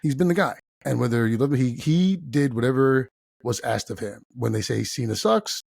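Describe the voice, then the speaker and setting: A man co-hosting a casual wrestling podcast, talking as an emphatic, enthusiastic fan with a gravelly, husky voice. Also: mid-range voice, normal speed, darkish tone, no echo, clean studio sound. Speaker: podcast co-host.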